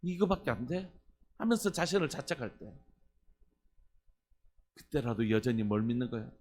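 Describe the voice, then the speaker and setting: A pastor preaching an earnest early-morning sermon, putting questions to the congregation. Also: male voice, mid-range voice, sing-song, moderate pace, a little mellow, a little hiss or hum.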